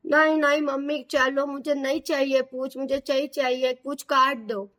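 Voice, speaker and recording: A woman's voice: high-pitched, flat delivery, normal speed, a bit bright. A woman voicing a small, stubborn boy mouse who begs and whines in a storybook tale. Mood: insistent. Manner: pleading, tearful.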